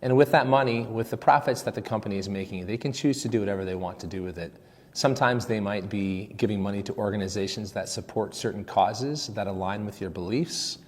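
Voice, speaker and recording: A man explaining in a measured way in a school news interview. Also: on the low side, big-room sound. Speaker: interviewed teacher.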